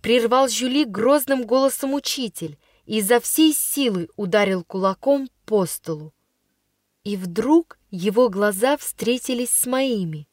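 A woman narrating a first-person story in a measured storytelling way. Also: on the high side, no echo, studio quality. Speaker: audiobook reader.

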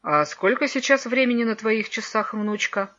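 A kindly old grandfather wizard, as a woman storyteller puts him on, speaking gently and with solemn warmth in a slightly lowered voice. He sounds like a fairy-tale storybook reading, captured on a dull, lo-fi recording. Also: animated, normal speed.

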